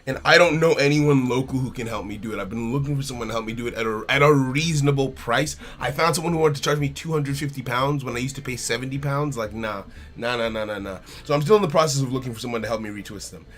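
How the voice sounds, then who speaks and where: A man's voice: mid-range voice, fast, hardly any pauses, fairly bright tone. A man streaming a card game live, chatting casually and greeting viewers by name while repeating his phrases.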